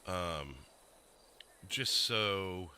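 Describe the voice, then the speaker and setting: The clean recording captures a livestream host whose low voice is animated, pushed and bright, yet delivered very slowly. He talks casually with viewers at his desk mic, rambling, self-deprecating and full of fillers.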